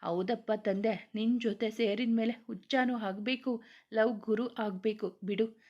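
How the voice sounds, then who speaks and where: A woman's voice: fairly high pitch, steady tone, unhurried, highs cut off. A woman reading the lines of a young man who teases and scolds his best friend, in a storybook tale. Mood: teasing.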